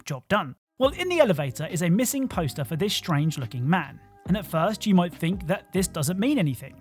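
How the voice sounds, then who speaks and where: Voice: mid-range voice, a little mellow. A host narrating a scripted video game countdown with wry, joking asides.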